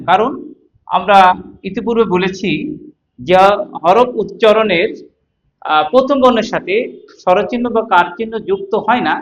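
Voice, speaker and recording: A man teaching Quran reading, patiently sounding out each syllable several times in a slow spoken lesson with a Bangladeshi Bengali accent. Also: high voice, muffled recording.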